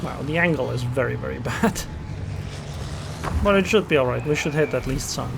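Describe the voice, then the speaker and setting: Medium-pitched and creaky, a man speaks at a moderate pace over a noisy background while casually commentating live on a naval battle game. This Estonian-speaking gameplay commentator thinks aloud, muttering plans and little reactions, as game engine and gunfire sounds play beneath.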